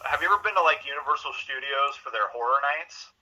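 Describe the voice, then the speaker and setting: A man's voice: mid-range voice, fast, bright, forceful tone, poor audio. A man as a guest on a podcast, laid-back and swearing in casual chat over a remote call.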